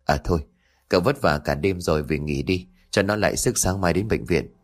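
A man voicing a tired middle-aged hospital department head who talks calmly and kindly. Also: deep voice, brisk, voice pushed down.

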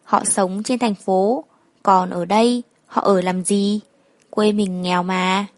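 A woman's voice: mid-range voice, steady tone, slow, dry recording, natural voice. A woman voicing a young village girl's older sister, bossy but coaxing. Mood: explaining.

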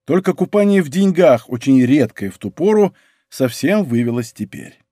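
A man narrating a historical adventure novel in expressive scripted storytelling. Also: on the high side, moderate pace, no echo, studio quality. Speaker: audiobook narrator.

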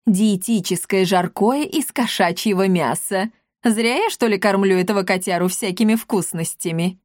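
Brief: bossy eccentric old woman, drawn-out exclaiming speech, voiced by a woman, dry sound. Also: medium pitch, darkish tone, dry recording, lightly acted. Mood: gleeful.

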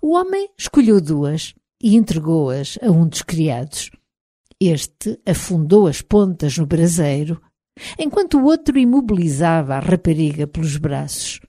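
A woman with a European Portuguese accent narrating an audiobook in the first person, in a measured, expressive reading. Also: deep voice, no room sound, clean studio sound.

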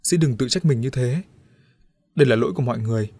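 A brave, comforting young boy in a spoken story, as a man acts him out. He sounds steady and reassuring at an ordinary pitch. The recording is dry and close. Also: fast, dry recording, natural voice.

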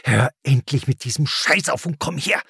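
Angry strict mother, snapping, scolding, voiced by a man, husky, dry storybook read. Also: mid-range voice, normal speed, sharp tone, no echo, voice pushed up, exaggerated voice. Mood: furious scolding. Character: furious, strict mother shaking with anger.

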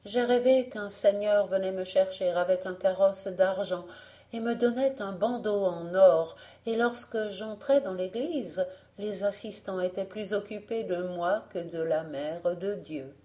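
A woman's voice: mid-range voice, unhurried, warm tone, natural voice. A woman voicing a proud young woman from a storybook who boasts and scorns her suitors. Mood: dreamy boast. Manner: haughty, boastful.

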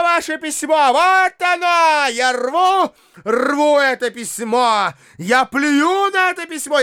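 A man voicing a pompous, self-righteous male household tyrant in an audiobook, haughty and preachy, his voice turning shrill and shrieking. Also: no room sound, studio quality, exaggerated voice. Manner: haughty, preachy, bursts into fury. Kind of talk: audiobook character reading.

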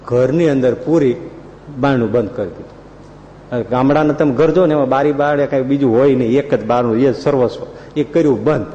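A man preaching a storytelling sermon, lively and animated, rising to loud peaks. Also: mid-range voice, fairly quick, slight background noise. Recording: reverberant hall, dull lo-fi sound.

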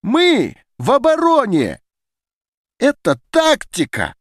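An indignant male geneticist, voiced by a male audiobook reader, hurls his words in a high, animated voice. He sounds heated and declamatory, rising toward shouts, recorded close and dry. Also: takes it slowly, no room sound, exaggerated voice. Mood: defiant. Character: agitated male geneticist defying a meeting. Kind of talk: audiobook character voice.

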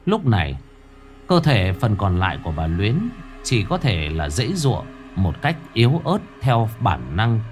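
Guy narrating a ghost story, dramatic, lively pitch, soft music behind. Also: a little slow. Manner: vivid, dramatic.

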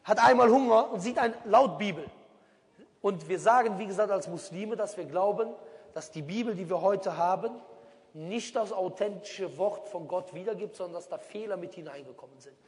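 A man preaching on stage in a lively, argumentative sermon style, full of rhetorical questions. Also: high-pitched, normal speed. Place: stage in a large venue. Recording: long hall reverb.

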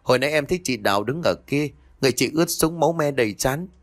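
A man's voice: medium pitch, expressive, fast talker, no echo, pitched above the performer's own voice, lightly acted. A man voicing a frightened young girl from a wealthy house who pleads and weeps. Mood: pleading, tearful. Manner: pleading, tearful.

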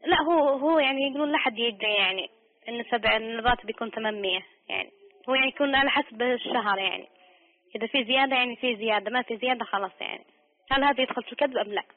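A woman's voice: on the high side, racing. A woman calling in to a radio show, hesitant and repeating herself with many fillers. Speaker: caller. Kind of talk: phoning in a question. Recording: tinny phone line on radio.

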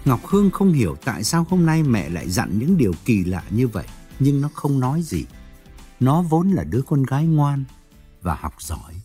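A man narrating a story aloud in an expressive storytelling manner. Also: moderate pace, faint music behind. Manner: expressive storytelling with swooping pitch.

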